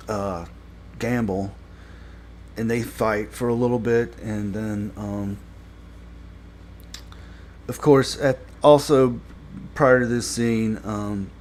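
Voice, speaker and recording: A man giving a casual spoken review, rambling and halting with many fillers and restarts, blunt and critical. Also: fairly low pitch, fairly even intonation, slight background noise. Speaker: show reviewer.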